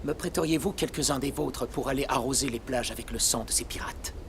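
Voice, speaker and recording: A man's voice: medium pitch, brisk, background noise, natural voice. A man playing a grave, formal admiral devoted to his duty in a dubbed film. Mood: measured, earnest. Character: grave, formal Chinese admiral sworn to protect a princess. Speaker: film voice actor. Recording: film soundtrack with music behind.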